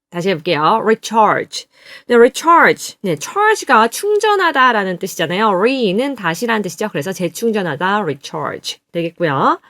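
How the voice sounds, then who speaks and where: A woman teaching an online English lesson. She says each word slowly and has students repeat it. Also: medium pitch, a bit bright, no room sound, studio quality. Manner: drills words slowly, repeats them for students to copy.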